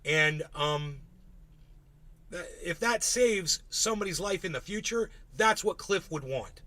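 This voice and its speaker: Blunt, bright-voiced man streaming casually. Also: sits high, animated, unhurried, no room sound. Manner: blunt, swears freely. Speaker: livestream host. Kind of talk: casual livestream monologue to chat.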